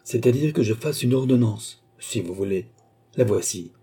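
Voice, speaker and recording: A man's voice: medium pitch, animated, moderate pace, mellow, husky. A man reading a blunt, inflexible court doctor. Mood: stern. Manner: blunt, stern, unyielding. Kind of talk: audiobook character reading.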